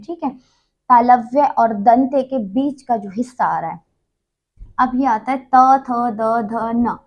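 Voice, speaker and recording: A woman with a fairly high voice teaches a grammar lesson at an unhurried pace. She explains patiently, saying each consonant slowly and on its own, and she often puts in small filler words. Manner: uses many fillers.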